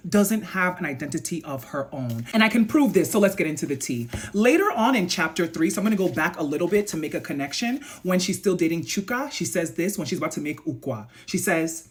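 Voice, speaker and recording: A woman's voice: on the low side, expressive, fairly quick, hardly any pauses. A woman hosting a casual book club vlog, reading passages aloud and adding sassy asides straight to her viewers.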